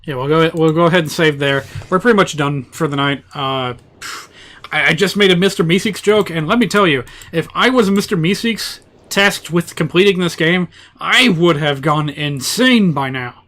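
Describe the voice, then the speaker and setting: Male streamer, fairly high voice, bright and forceful, casual game commentary, wry rambling asides. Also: normal speed.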